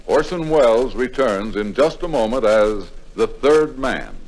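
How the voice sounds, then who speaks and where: A man announcing an old-time radio show in a formal, deliberate scripted style. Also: medium pitch, lively intonation, rough recording. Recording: old radio recording under loud music. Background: loud music.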